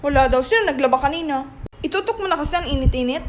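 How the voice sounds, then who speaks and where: A woman performing comic family sketches, bickering in quick back-and-forth exchanges. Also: high voice, animated, noisy background. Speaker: comedy skit creator.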